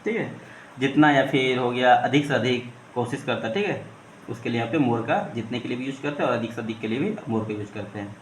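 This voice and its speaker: A man's voice: mid-range voice, fairly quick. A man teaching English, reading a story line by line and explaining each phrase in Hindi. He keeps repeating "ठीक है" and asks questions that he answers himself. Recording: roomy echo, faint ambient noise.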